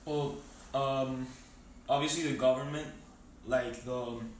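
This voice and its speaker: A teenage boy from Venezuela answers questions haltingly, filling pauses and restarting his sentences. He sits at some distance from the mic in a very echoey room. His pitch is mid for a young man. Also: fairly even intonation, a little hiss or hum. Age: teens. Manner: hesitant, many fillers and restarts. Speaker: interviewee. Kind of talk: casual interview answers.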